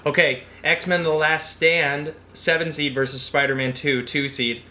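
A man's voice: fairly high pitch, little pitch movement, unhurried, sharp tone, slight background noise. A man from the American Midwest with a Midwestern accent, co-hosting a podcast in a playful, jokey casual chat and laughing often. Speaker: podcast co-host.

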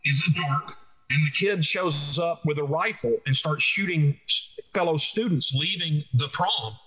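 A man's voice: fairly high pitch, measured pace, bright, forceful tone, low-quality recording. A man with an Arkansas Southern accent explaining things informally as an expert guest, plain-spoken and emphatic, repeating key phrases for stress. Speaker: guest expert, trainer who speaks to schools and police.

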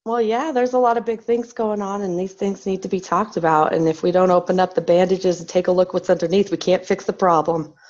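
A woman whose voice is hoarse and raspy from bronchitis talks as a guest in a loose, irreverent chat. She laughs easily between points, and the recording sounds dull and lo-fi. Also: on the low side, fairly even intonation, brisk, hardly any pauses, darkish tone. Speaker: guest, philosopher. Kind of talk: casual conversation. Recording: dull lo-fi audio.

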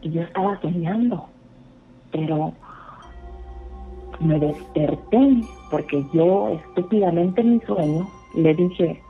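A woman's voice: on the low side, slow, long pauses, soft background music. A woman earnestly telling a rambling personal ghost story, calling in by phone. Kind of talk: casual storytelling. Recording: phone line.

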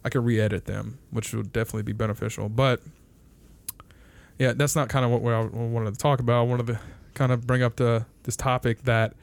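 A man's voice: medium pitch, level tone, fairly quick, gravelly. A young man hosting a casual podcast, rambling, laughing often and swearing loosely. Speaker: podcast host.

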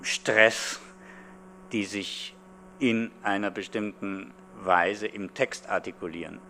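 A man's voice: on the low side, steady tone, slow, sharp tone. A man, a professor, giving analytical commentary in an interview. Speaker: philosophy professor. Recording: humming, faintly noisy background.

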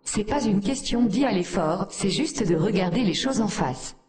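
A performer plays a sneering female artificial intelligence, condescending to humanity with icy scorn, recorded in a room with echo. The natural voice is medium in pitch, expressive, a little mellow, at normal speed.

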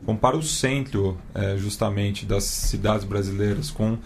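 Low-voiced man, halting speech. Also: slight background noise. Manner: halting, searches for words. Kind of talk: casual roundtable chat.

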